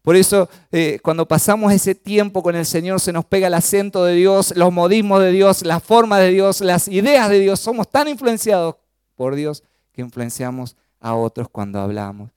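A man from Chaco with an Argentine accent preaching a sermon, swinging between emphatic raised peaks and low, quiet lines. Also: normal speed, smooth, no echo, studio quality. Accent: Argentine Spanish. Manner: animated preaching, rising to emphatic peaks then dropping low.

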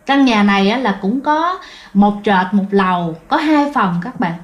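A woman's voice: medium pitch, lively intonation, a little slow. A woman hosting a ghost story show, narrating in a chatty way and talking straight to her listeners. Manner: chatty, addresses listeners directly.

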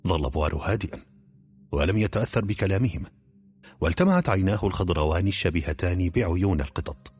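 A man narrating an audiobook in a steady storytelling manner. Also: low voice, fast, husky, in a large hall.

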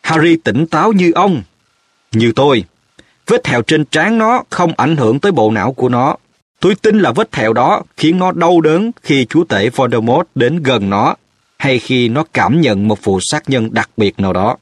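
A man voicing a commanding old male wizard who speaks firmly and measuredly, with a husky voice. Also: medium pitch, animated, normal speed, no echo, clean studio sound.

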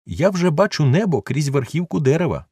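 A squeaky, fearful old servant. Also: male voice, very animated, brisk, darkish tone, slightly rough, no room sound, clean studio sound, full character voice. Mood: plaintive. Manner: plaintive, pleading, high squeaky voice. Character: fearful old male servant climbing a tree.

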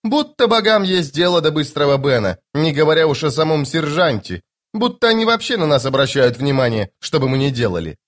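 A man voicing a sharp-tongued, tough female corporal in an audiobook, scolding and sarcastic. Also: a little high, expressive, brisk, close to an everyday voice. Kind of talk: audiobook character voice.

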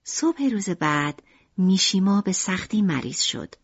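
A woman narrates an audiobook with expressive storytelling and a lively, wide-moving pitch. Her voice is a little breathy and sits close and dry on the mic. The sound is dull, like a lo-fi recording. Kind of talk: scripted narration.

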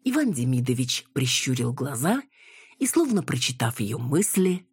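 A woman reading a novel aloud as audiobook narrator, in an expressive way. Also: rumbling low, moderate pace, husky, no room sound, studio quality. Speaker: audiobook reader. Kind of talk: scripted narration.

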